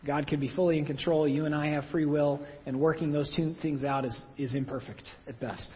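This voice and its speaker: High-voiced man preaching in a reverberant hall. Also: steady tone, brisk. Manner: conversational, self-deprecating asides. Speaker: pastor. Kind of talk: sermon. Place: church hall. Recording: dull sound with long hall reverb.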